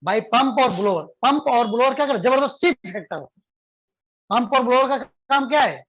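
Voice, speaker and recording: Indian-accented male teacher, classroom lecture; slow dictation, brisk quizzing explanations. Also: very high-pitched, animated, fairly bright tone, poor audio. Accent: Indian English. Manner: dictates slowly, repeating phrases, then explains fast with questions to students. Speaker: physics teacher.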